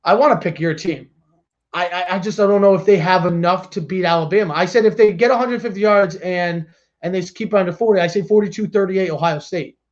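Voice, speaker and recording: A man's voice: high-pitched, a little fast. A man co-hosting a casual sports podcast, laid-back while he breaks down games. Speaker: podcast co-host. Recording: dull lo-fi sound.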